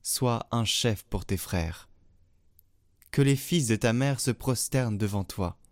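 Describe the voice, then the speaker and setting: A man giving a solemn liturgical scripture reading in a slow, measured way. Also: mid-range voice, no room sound. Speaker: scripture reader. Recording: dry, faint music behind.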